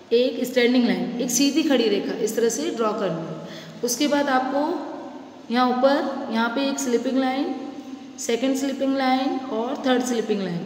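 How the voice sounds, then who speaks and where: A high-voiced woman with an Indian accent leads a nursery handwriting lesson, walking young children through each stroke with patient repetition. Her voice rings in an echoey room with a long reverb tail and faint background ambience. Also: darkish tone, a little hiss or hum. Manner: patient, repeats steps slowly for small children. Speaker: nursery teacher.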